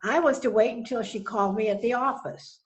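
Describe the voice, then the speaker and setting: A woman's voice: on the high side, brisk, close to an everyday voice. A woman reading the part of an anxious, earnest wife protesting her innocence in an amateur readers theater play. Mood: composed. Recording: roomy echo, dull muffled sound.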